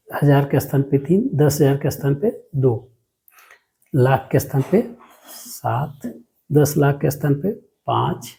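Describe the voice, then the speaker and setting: A maths teacher talks through a lesson in a gravelly, mellow voice. The teacher keeps asking a question and then answering it, and often repeats the same word. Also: mid-range voice, rough recording. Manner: mixes English words into the explanation. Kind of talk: classroom lesson explanation.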